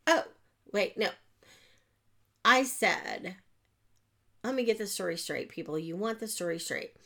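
A woman host telling a lively story in a casual monologue, acting out the people in it with whiny and squealing voices. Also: medium pitch, unhurried, gravelly. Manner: animated, acts out dialogue with whiny and squealing voices. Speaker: podcast host.

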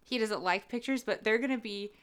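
A young woman co-hosting a podcast, chatting excitedly, swearing often and laughing. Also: fairly high pitch, brisk. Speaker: podcast co-host. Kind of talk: casual chat.

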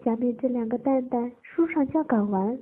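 A woman doing a breathless bank manager in her forties. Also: husky. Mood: eager. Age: 40s. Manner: breathless high-pitched crying out, fast bursts. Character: female bank manager in her forties, shy turned eager. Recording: tinny phone-like lo-fi audio.

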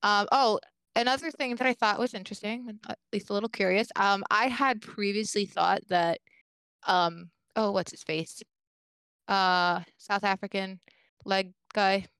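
Podcast lady telling a story casually, lots of ums, smooth clear voice, dry sound. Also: mid-range voice, fairly even intonation, a little slow, a bit bright, dry recording, poor audio. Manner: conversational, with frequent fillers. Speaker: podcast co-host. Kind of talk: casual chat, presenting a researched story.

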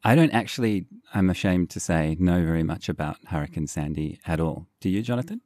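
A man hosts a relaxed interview. His voice is deep, he sounds friendly and chatty, and the recording is dry and close. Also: a little fast, no room sound. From New Zealand. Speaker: podcast host. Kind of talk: casual interview chat.

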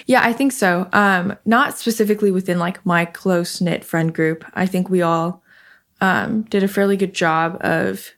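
A young woman from the Seattle area of the United States chats reflectively as an interview guest, using many ums and soft laughs. She has a lowish voice, speaks at a normal speed, and keeps a steady tone.

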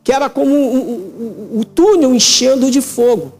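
Male interview guest, testimony of a vision; gravelly, mellow, emotional, repetitive phrasing. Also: very high voice, normal speed, soft background music.

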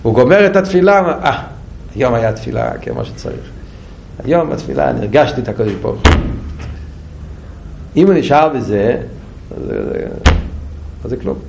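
High-voiced guy teaching torah, lots of questions and repeats, goes from loud and urgent to low and quiet. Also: slight background noise. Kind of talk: Torah class.

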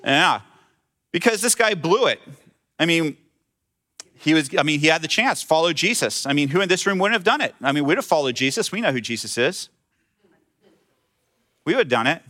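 A male pastor preaching a conversational sermon in a church, retelling a scripture story with lively voiced quotes. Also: fairly high pitch, normal speed, long pauses. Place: church sanctuary with screen.

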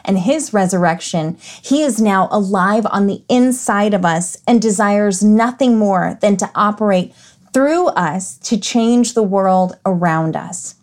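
Earnest woman reading scripture aloud. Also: mid-range voice. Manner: earnest, reflective, slows down to stress words; reads scripture aloud, then muses on it conversationally. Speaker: devotional podcast host. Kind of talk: scripture reading and devotional reflection.

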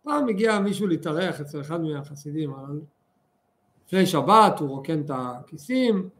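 Male Torah teacher, higher voice, animated and fervent, leans hard on key words. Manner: animated, fervent, drawn-out emphasis. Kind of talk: religious lesson with storytelling.

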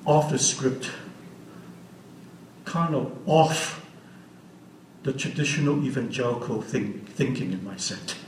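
A man's voice: medium pitch, animated, takes it slowly, pauses often, slight background noise. Earnest sixty-year-old man in an echoey hall. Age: 60s. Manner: earnest, unscripted, asks the audience questions. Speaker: guest speaker. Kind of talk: church teaching talk. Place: church hall. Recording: roomy hall audio from a distance.

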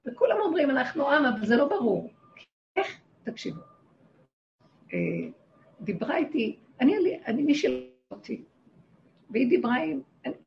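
A woman, a rebbetzin, telling a story in a casual, animated way and acting out the shouted quotes. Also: fairly high pitch, gravelly. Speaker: rebbetzin leading a women's gathering. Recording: muffled lo-fi home recording, faint hiss.

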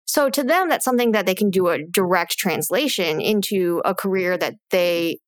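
A woman's voice: on the low side, normal speed, dry recording, studio quality. A woman hosting a podcast interview, talking in a chatty way with many "like" fillers. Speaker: podcast host. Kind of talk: casual interview chat.

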